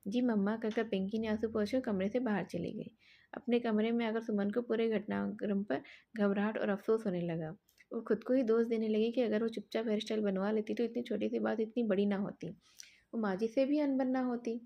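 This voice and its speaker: A woman narrating an audio story in a calm, steady reading voice. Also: on the high side, fairly quick, gravelly, highs cut off.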